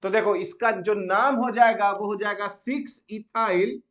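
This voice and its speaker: A man's voice: sits high, fairly bright tone. A man teaching chemistry step by step, often stopping to check that students follow. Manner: asks students frequent check questions; slows down to spell out names.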